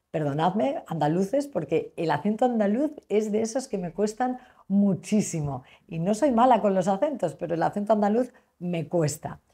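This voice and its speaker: A woman in her forties from Castile with a Castilian Spanish accent, explaining things in a relaxed, unhurried online lesson. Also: on the low side. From Castile, Spain. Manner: explains in a relaxed, unhurried way with small restarts and fillers. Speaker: Spanish teacher.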